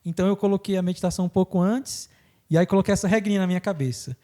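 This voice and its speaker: A man hosts a casual podcast in a fairly high voice. His tone is mellow and warm. He explains things in an animated way and slips into quick voices when he quotes people. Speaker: podcast host.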